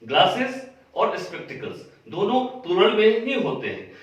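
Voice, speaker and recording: Guy teaching english grammar, kinda high voice, slow patient explaining, big echo, mic far off. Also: huge pitch swings. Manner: patient, explains with everyday examples and repeats key words. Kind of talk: explanatory lesson. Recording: very echoey room, voice from a distance.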